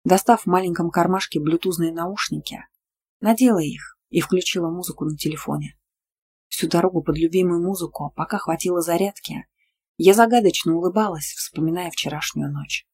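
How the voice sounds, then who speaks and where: A woman narrating a first-person audiobook in a lively, expressive storytelling manner. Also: on the low side, a little fast, a little hiss or hum.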